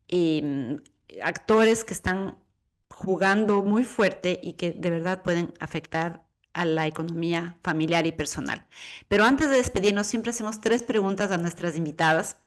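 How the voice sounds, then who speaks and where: A woman from Ecuador, hosting a podcast interview in an enthusiastic, reflective way. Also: mid-range voice. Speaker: podcast host. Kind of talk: interview conversation.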